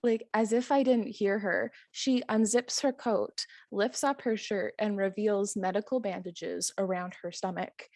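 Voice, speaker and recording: A woman's voice: medium pitch, fairly even intonation, a little slow, few pauses, darkish tone, no room sound. A woman telling a long comic story in a stand-up set, chatty and self-amused, with frequent ums and little chuckles. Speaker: stand-up comedian.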